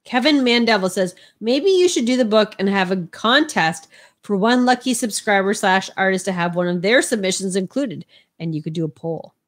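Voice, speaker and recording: Reading out chat comments as a livestream co-host, a middle-aged woman keeps things casual and teasing, sniffling now and then. She speaks at a moderate pace with a medium pitch and an animated delivery.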